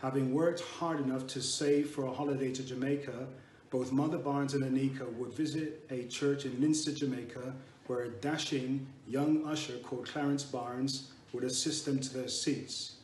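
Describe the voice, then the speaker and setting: A man's voice: mid-range voice, steady tone, a little mellow. Distant man reading a memorial tribute. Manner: measured, reads with small restarts. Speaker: eulogy reader. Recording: roomy and distant with faint noise.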